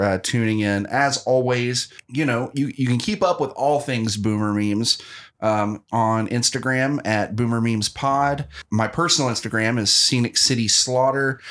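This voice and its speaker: A man in his late thirties hosts a casual podcast, talking at a middling pitch. He rambles and pokes fun at himself, restarting his sentences often. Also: fairly bright tone. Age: 30s. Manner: rambling, self-deprecating, frequent restarts. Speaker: podcast host.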